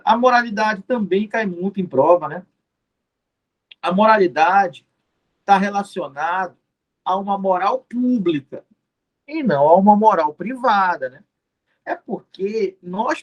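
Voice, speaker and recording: A man giving an exam-prep law lecture, explaining step by step, repeating key terms and answering his own questions. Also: high voice. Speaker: law teacher.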